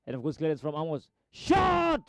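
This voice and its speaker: Brief: male match commentator, slightly higher voice, dark mellow tone, dry close mic, rapid play-by-play. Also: fairly even intonation, dry recording. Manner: rapid play-by-play, repeats player names, rises sharply at chances. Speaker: football commentator.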